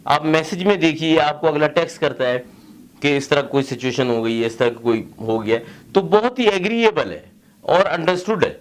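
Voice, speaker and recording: Chatty grammar teacher, a man with a slightly high voice. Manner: conversational, mixes English phrases into explanations, frequent check-ins with students. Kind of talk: casual classroom lecture.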